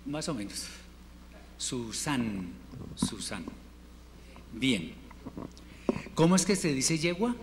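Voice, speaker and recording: A man teaching a Hebrew class, patiently drilling word forms and repeating them slowly for his students. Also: mid-range voice, sing-song. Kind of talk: classroom lesson. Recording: reverberant room with faint noise.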